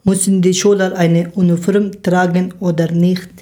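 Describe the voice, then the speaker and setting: A woman hosting a scripted interview podcast, asking careful, measured questions. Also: fairly low pitch, flat delivery, warm tone. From Afghanistan. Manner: careful, measured learner's German. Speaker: podcast host.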